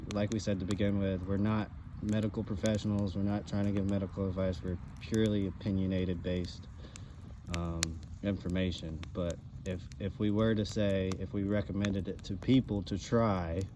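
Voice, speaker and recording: A man in a casual, halting conversational chat, speaking as a co-host. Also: low-pitched, fairly even intonation. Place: outdoors by a campfire. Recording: outdoor ambient background noise.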